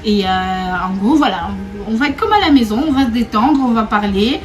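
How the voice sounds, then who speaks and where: Young woman, from Réunion, vlogger, casual storytime chat, talkative, repeats herself, laughs a lot, slightly high voice. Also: normal speed, soft background music. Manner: chatty and repetitive, often laughing, calls viewers 'mes go'.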